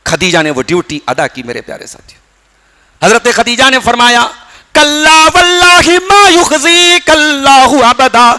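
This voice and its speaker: A man's voice: very high voice, pushed and bright. A man preaching a sermon as an Islamic preacher, telling stories with passion and reciting Arabic verses. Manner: impassioned storytelling with Arabic recitation. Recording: long hall reverb.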